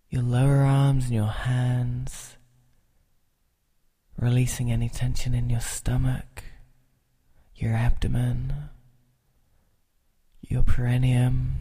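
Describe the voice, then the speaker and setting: A man leading a guided relaxation, speaking calmly and soothingly and at times dropping into soft whispers. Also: mid-range voice, slightly rough.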